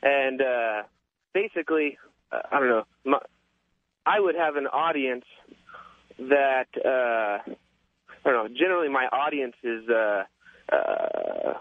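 Hesitant caller on a tinny phone line. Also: male voice, mid-range voice, very animated, slow, gravelly, pauses often, dry recording. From Japan. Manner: hesitant, rambling, full of fillers. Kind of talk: phone-in conversation.

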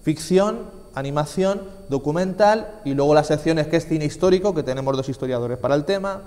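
A film festival organiser in his twenties with an accent from Spain answers casually as an interview guest, emphatic and repetitive. He sits at a desk in a small indoor TV studio; his voice is on the high side, fairly quick and dark, and the room is reverberant.

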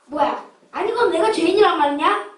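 A pompous, blustering villain of a rich old man, acted by a woman for a children's puppet play. The voice is very high and theatrical, recorded in a roomy space at some distance. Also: fairly quick. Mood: indignant. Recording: roomy, distant miking with background hiss.

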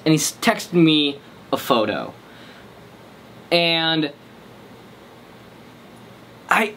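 A man's voice: a little high, a bit bright, a little hiss or hum. A young man in his twenties vlogging to a handheld camera, chatting loosely with lots of fillers about his home music studio. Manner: rambling, filler-heavy with lots of "like" and "um". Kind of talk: casual vlog talk to camera. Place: outdoors in an apartment parking lot, then a small home music studio. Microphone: handheld vlog camera close to the face.

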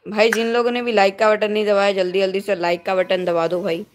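A man's voice: high-pitched, level tone, fast. A man live-streaming a mobile shooter game, chatting casually and keeping on at his viewers to press like. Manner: chatty, keeps urging viewers to hit like. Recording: noisy game audio behind. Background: gunfire and game sounds.

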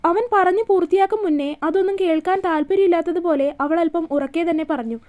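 Woman, storyteller, romance story narration, very high pitch, steady dramatic reading. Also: a little fast.

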